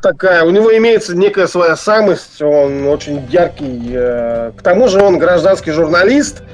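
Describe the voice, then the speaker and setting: A man from the Urals talking casually as an interview guest on an internet call, halting and correcting himself. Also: a little high, animated, soft background music. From Urals region of Russia. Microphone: internet messenger call.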